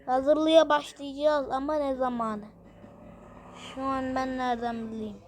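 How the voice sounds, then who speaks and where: Excitable high-pitched woman narrating a game. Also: a little slow. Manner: excitable, shouting exclamations. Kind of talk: playful game commentary with many character voices.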